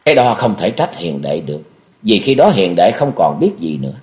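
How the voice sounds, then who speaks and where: A man voicing a calm, consoling elder sworn brother who speaks softly and hesitantly, in an audiobook reading. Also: lowish voice, brisk. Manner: soft, hesitant, soothing.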